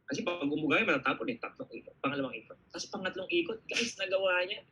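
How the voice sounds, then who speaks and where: Energetic Filipino man telling a story. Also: fairly high pitch, fast talker, dull audio, slight background noise. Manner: energetic, animated storytelling, frequent "okay?" check-ins. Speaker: business speaker answering audience questions. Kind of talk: motivational Q&A talk.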